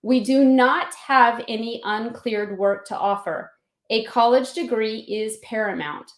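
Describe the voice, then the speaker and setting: Polished woman giving a recruiter pitch, roomy echo. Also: measured pace. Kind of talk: scripted recruiting presentation. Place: indoor room on an online video call.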